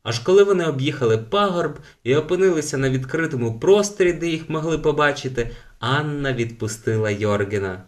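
A man's voice: on the high side, expressive, fairly quick. Man narrating a children's audiobook. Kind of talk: scripted storybook narration.

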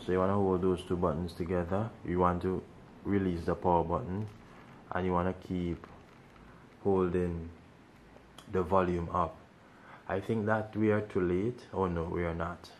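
Low-voiced man walking through a tutorial. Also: level tone, normal speed, long pauses, a little mellow, slight background noise. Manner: step-by-step, repeats instructions. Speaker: tech tutorial host. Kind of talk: casual how-to walkthrough.

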